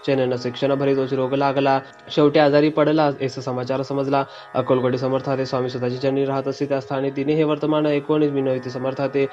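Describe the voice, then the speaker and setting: A man reading a devotional scripture aloud in a steady, sing-song way, as a recitation. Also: mid-range voice. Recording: dull lo-fi recording with faint music.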